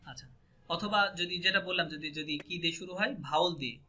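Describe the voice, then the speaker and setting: A man with a Bangladeshi Bengali accent leads a French lesson and keeps checking that his students follow. His voice is very bright and sits a little high. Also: brisk, slight background noise. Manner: patient, asks checking questions often. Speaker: French teacher. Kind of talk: online language class.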